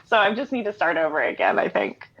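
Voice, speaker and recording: A lowish voice with big pitch swings, a quick pace, vocal fry, slight brightness and a breathy edge belongs to a middle-aged American woman. She's a singer-songwriter and writer chatting as an interview guest over an online call from home, easygoing and explanatory. The recording sounds dull and lo-fi.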